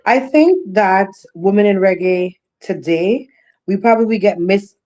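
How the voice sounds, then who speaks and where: A woman's voice: medium pitch, a little slow. Bold woman reggae singer. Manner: bold, animated, laughs often, repeats phrases. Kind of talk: casual podcast interview.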